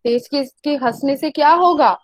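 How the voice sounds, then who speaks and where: A woman's voice: high-pitched, moderate pace, dry recording, poor audio. A woman teacher explains a poem, repeating herself and asking and answering her own questions. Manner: mixes Hindi with English lines.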